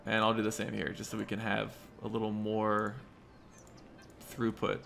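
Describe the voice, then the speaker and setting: A man with a low, gravelly voice mutters his way through a city-building game, half planning out loud and half answering his chat. His talk is loose and casual, and faint music sits under the voice. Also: completely flat delivery, normal speed. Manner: muttering to himself while planning, talking to chat. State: hiccups. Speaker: livestreamer. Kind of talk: casual gameplay commentary.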